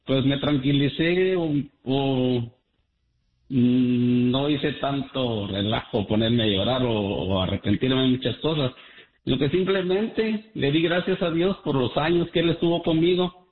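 A man's voice: mid-range voice, unhurried. A man from Guatemala calling in to a radio show, speaking earnestly and gratefully with many hesitations. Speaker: caller. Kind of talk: call-in radio chat. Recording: echoey tinny phone line.

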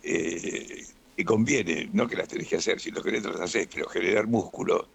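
A man's voice: low voice, normal speed, gravelly, breathy edge. A man with a Rioplatense Spanish accent, explaining things relaxedly as a doctor guest in a radio interview and often tagging "¿no?".

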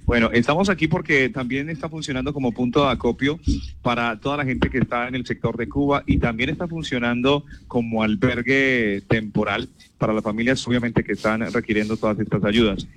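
A man delivering a brisk, upbeat live radio report from outdoors. His mid-range voice carries over faint background noise. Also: medium pitch, fairly even intonation, fairly bright tone. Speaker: field reporter. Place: outdoor park shelter.

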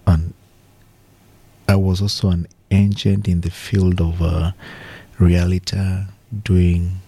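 A man from Kenya, a radio interview guest, answering slowly and hesitantly with many pauses and restarts. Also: low voice, mellow, husky. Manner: hesitant, with fillers and restarts, slow and deliberate.

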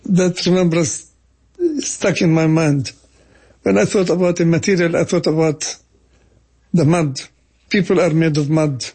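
Older husky man, halting speech. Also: on the high side, steady tone, a little mellow. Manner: halting, repeats words, slow reflective phrasing. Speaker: interviewee, painter. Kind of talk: interview answers.

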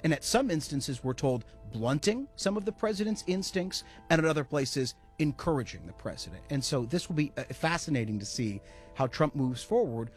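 A man reporting as a news correspondent, fluent and emphatic. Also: on the high side.

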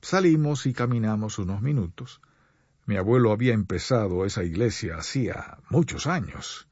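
A man preaching a sermon to radio listeners, earnest and pleading, with slow deliberate pauses. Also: fairly low pitch, expressive, darkish tone, slightly rough, no room sound, dull audio.

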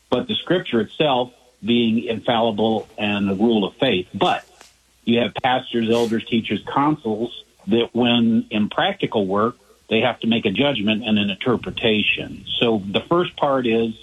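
A man from South Carolina calling in to a radio show, heard through a thin, narrow phone line. His voice sits low and a little husky, and he sets out his questions carefully, one point after another. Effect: voice heard over a phone line on the radio. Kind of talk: phoning in to a call-in radio show.

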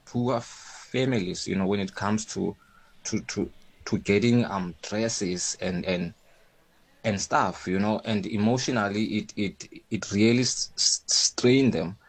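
A man's voice: lowish voice, unhurried, no room sound. A man, speaking hesitantly in a voice note played on a radio show, with many ums and repeated words. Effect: voice note played on air. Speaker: radio listener. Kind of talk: casual spoken message.

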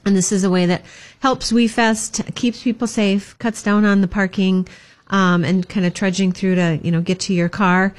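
Steady in tone and moderate in pace, a mid-range female voice delivers cheerful community news for the chamber of commerce. The casual, promotional announcements are dotted with lots of fillers like um.

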